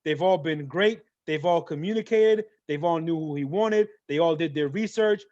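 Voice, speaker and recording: Sports show host, high-pitched man, playful and hyped, dry dull lo-fi sound. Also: moderate pace, dry recording. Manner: animated, playful, hype. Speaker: host of a mock draft show. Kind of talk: casual sports talk.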